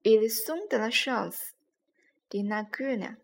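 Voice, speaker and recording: Slow, careful woman reading a story aloud. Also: a little high, creaky. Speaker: reader.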